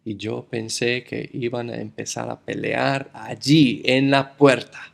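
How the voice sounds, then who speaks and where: A man's voice: medium pitch, flat delivery, a little slow, gravelly. A man from the United States preaching a sermon, addressing the congregation as brothers and telling a story from his childhood.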